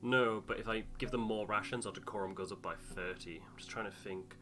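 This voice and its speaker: Over guitar game music, a playthrough host delivers casual commentary, musing aloud and reading the on-screen text. His pitch is fairly low and he speaks fairly quickly.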